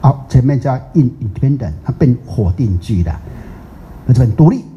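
Older male Buddhist teacher, deep mellow tone, casual teasing talk, dull lo-fi sound. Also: animated. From Taiwan. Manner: chatty, teasing, drawn-out English words. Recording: muffled lo-fi recording.

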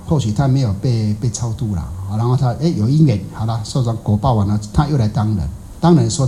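A man's voice: medium pitch, warm tone, slight background noise, low-quality recording. A middle-aged man, a Buddhist monk, giving a casual dharma talk full of stories, rhetorical questions and repeated fillers. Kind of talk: colloquial dharma talk with anecdote.

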